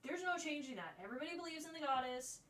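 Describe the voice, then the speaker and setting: A woman co-hosting a casual movie review chat, animated and often acting out lines from scenes. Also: high voice, rapid-fire. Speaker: co-host. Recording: echoey room.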